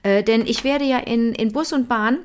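A woman's voice: fairly high pitch, moderate pace, darkish tone, smooth. Chatty, rambling woman. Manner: chatty, rambling, self-mocking. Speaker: co-host. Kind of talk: casual phone chat.

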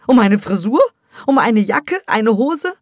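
A woman's voice: lively intonation, measured pace, dry recording, studio quality. A woman voicing a distraught grieving mother. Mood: upset, pleading. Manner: emotional, pleading, high and strained. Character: distraught middle-aged mother, grieving and pleading.

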